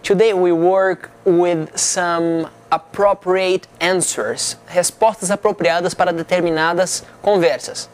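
A man with a Brazilian Portuguese accent and Portuguese as his first language, teaching a bilingual English lesson and drawing out each model phrase slowly. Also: high-pitched, steady tone. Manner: slow, drawn-out model phrases.

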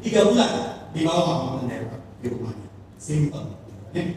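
Recorded at a distance in an echoey hall, this pastor's sermon includes a joke told as a story, with him voicing each character. He speaks fairly quickly in a fairly high, slightly mellow voice with big pitch swings, over slight background noise.

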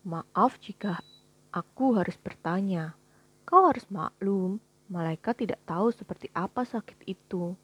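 A woman voicing a calm, patient angel who explains things evenly, in a storybook reading, with a breathy voice. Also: medium pitch, measured pace.

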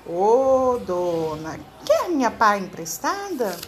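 A woman voicing a wailing male monkey in a storybook read-aloud, crying in a high whiny voice. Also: huge pitch swings, slow pace, a little hiss or hum. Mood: friendly, eager. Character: wailing childlike male monkey, tail lost.

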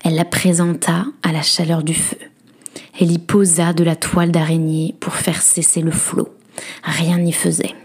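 A woman host reading a dark fairy tale aloud in a soft, breathy, often whispered storytelling voice. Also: lowish voice, level tone, normal speed. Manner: hushed, dramatic.

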